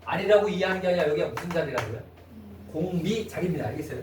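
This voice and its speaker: A man teaching a math lesson in a classroom, constantly checking in with his students with quick questions. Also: a little high, lively intonation. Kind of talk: classroom lecture. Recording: echoey room, mic far off, faint noise.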